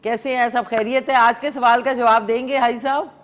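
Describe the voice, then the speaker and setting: A woman's voice: on the high side, fairly even intonation, brisk. Pakistani woman host, chatty call-in style, drops English phrases into Urdu talk. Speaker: morning show host taking calls. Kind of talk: live call-in talk show chat.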